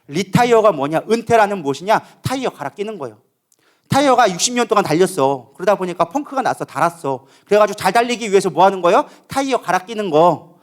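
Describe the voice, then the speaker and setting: A man, a pastor, preaching a sermon at a prayer meeting, emphatic and questioning the congregation, acting out inner voices as his voice climbs. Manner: emphatic, acts out inner voices with rising pitch. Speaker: co-lead pastor.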